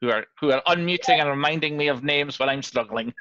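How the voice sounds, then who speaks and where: A man's voice: on the high side, quick pace, pushed and bright, clean tone, no room sound. A man facilitating a video call meeting, friendly and a little flustered as he works through names. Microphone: computer mic on video call. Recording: dull lo-fi video call audio.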